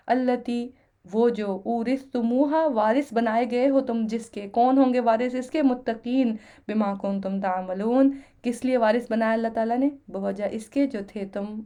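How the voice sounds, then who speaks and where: A woman giving a Quran lesson, reciting Arabic slowly and then explaining each phrase in Urdu with everyday examples. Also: on the high side, mellow. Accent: Pakistani Urdu. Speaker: Quran teacher. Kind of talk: word-by-word Quran translation lesson.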